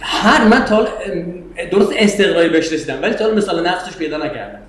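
A man's voice: high voice, lively intonation, slight background noise. A middle-aged man giving a university lecture in a conversational, digressive way, turning to his students with questions. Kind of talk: classroom lecture. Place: classroom. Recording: echoey room, faint background ambience.

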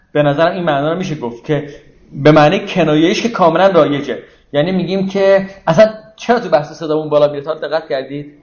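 A man with a fairly high voice teaches scripture in a relaxed, conversational way, often posing questions to his listeners. The recording is echoey and a little dull, like a lo-fi room recording. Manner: conversational, explains with rhetorical questions to the audience. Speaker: religious teacher. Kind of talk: informal lecture on Quranic verses.

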